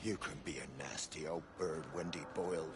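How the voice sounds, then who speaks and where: An actor playing a worried older farmer in a video game, blunt and agitated. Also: male voice, extremely low pitch, normal speed, background noise. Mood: gruff.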